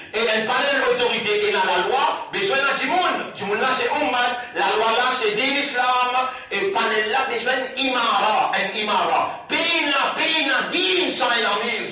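Animated preacher in an echoey hall. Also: male voice, sits high, recorded from a distance. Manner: animated preaching, swinging between loud and quiet. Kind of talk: Ramadan sermon.

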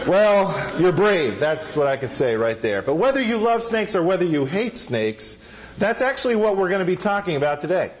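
A man with a high voice preaches from the pulpit in a church. He keeps the talk light and playful, joking with the congregation and quizzing them as he goes. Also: very animated, fairly quick, slight background noise. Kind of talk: sermon. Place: church sanctuary.

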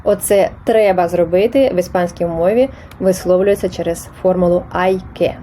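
A woman's voice: on the low side, steady tone, normal speed, dark tone, slight background noise. Patient woman teaching Spanish grammar. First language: Ukrainian. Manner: patient, explanatory, with small hesitations. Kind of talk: explaining test answers.

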